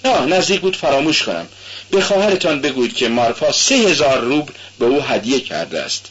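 A man reading aloud and voicing a smooth, sinister middle-aged landowner in a raised, bright voice. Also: medium pitch, very animated, lo-fi sound. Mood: insinuating.

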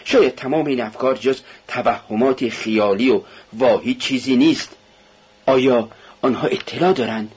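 A man's voice: mid-range voice, darkish tone, slightly rough. Raskolnikov, a man doing a feverish young suspect. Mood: anxious brooding. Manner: tense, bitter, brooding inner muttering. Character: feverish, suspicious young man under questioning. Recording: dull lo-fi radio recording.

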